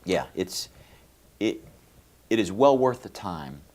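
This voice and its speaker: Deep male lawyer from Venezuela, folksy explainer. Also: very animated, slow, a little mellow. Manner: explanatory, folksy, with many fillers and restarts. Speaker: lawyer, guest. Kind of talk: interview answers. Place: TV studio.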